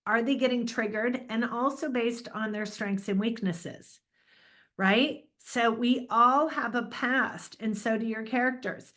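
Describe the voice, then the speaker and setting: Woman, middle-aged, writing lecture, conversational, emphatic, fairly high pitch. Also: measured pace. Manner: lively, emphatic, conversational teaching. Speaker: author and writing teacher.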